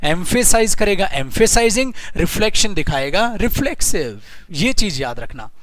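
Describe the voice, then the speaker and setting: A man with an Indian accent teaching English grammar online, speaking mostly Hindi, repeating his points and stretching out the example sentences slowly. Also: high-pitched, very animated, fairly bright tone, no echo. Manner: repeats phrases, addresses students as children.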